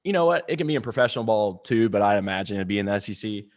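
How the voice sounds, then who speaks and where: A man's voice: on the low side, animated, very fast. A man hosting a casual podcast interview, easygoing and loose, swearing freely and acting out little quotes. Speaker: podcast host.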